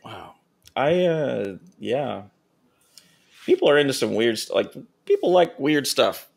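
A man co-hosting a comedy podcast, reading erotica aloud with deadpan asides and casual chat. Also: medium pitch, takes it slowly, vocal fry. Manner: deadpan asides between read passages. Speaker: podcast co-host reading stories.

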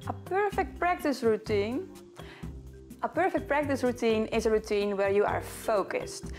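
Seated in a small living room before bookcases, a young Dutch violinist who hosts videos answers questions to the camera in a relaxed, chatty way, with a Dutch accent. Her voice is fairly high, unhurried and a little mellow, over faint background music.

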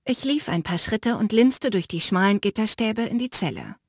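A woman narrating a fantasy audiobook in the first person with measured, expressive storytelling on a close studio mic. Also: mid-range voice, breathy edge, no room sound.

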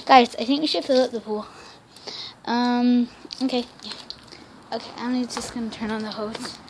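A female voice narrating a toy role-play vlog, excitable and given to squealing cheers. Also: a little high, moderate pace, background noise. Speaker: toy video maker.

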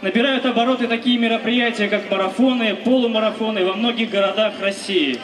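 A man with a very high voice reads a formal event announcement outdoors. The sound comes through a loudspeaker with long echo, and music plays clearly behind him. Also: fairly even intonation, a little fast. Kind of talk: formal announcement read from notes. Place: outdoors on building steps, over a loudspeaker. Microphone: handheld microphone. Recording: echoey distant outdoor PA with music.

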